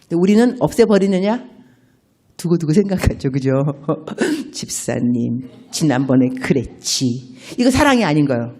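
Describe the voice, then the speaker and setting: A woman's voice: low-pitched, moderate pace. A middle-aged woman missionary preaching a revival sermon, telling stories and acting out the dialogue in different voices. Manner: animated, acts out quoted dialogue in shifting voices.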